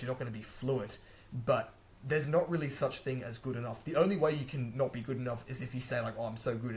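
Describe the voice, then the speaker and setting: A man's voice: medium pitch, darkish tone. A man giving casual language-learning advice to camera, rambling and correcting himself as he goes. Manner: rambling, chatty, frequent restarts and self-corrections. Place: a room indoors.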